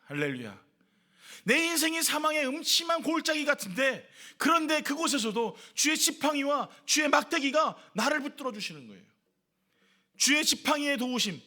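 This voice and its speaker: Man pastor preaching in church, high bright voice, lots of rhetorical questions and lists. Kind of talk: sermon. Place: church worship service.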